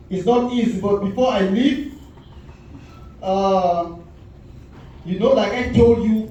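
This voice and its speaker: A high-pitched Cameroonian comedian in his forties, accent clearly Cameroonian, acts out quoted voices as he tells his stand-up stories. The set was recorded on a comedy club stage, its echoey audio picked up from far away with slight background noise.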